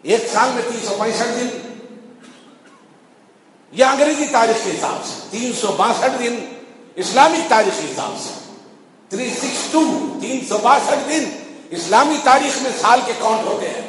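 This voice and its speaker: A man preaching a Friday sermon, impassioned, repeating his phrases and rising to shouts. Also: very high voice, expressive, long pauses, a crowd in the background. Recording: echoey hall with faint background noise.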